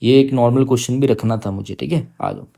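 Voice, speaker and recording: Gravelly-voiced male grammar teacher. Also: medium pitch, mellow. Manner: coaxing, teasing students, drawing out English examples slowly. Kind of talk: exam-prep grammar lesson.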